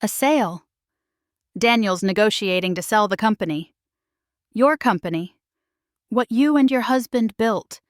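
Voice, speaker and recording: A woman reading the part of an anxious, loyal young female employee, in an urgent, hushed manner. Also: medium pitch, unhurried, pauses often, dry recording, studio quality, close to an everyday voice.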